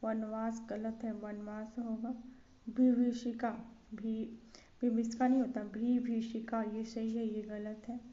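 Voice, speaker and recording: A woman's voice: on the high side, little pitch movement, unhurried, mellow. A young woman teaching an exam coaching lesson, saying each word again and again and setting wrong spellings against right ones. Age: young adult. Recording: slightly dull lo-fi audio with faint background noise.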